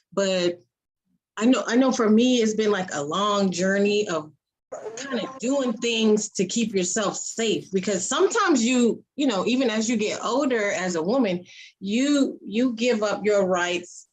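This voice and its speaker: A woman's voice: medium pitch, poor audio. Earnest woman host, candid and open. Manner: earnest, storytelling, with sudden loud bursts.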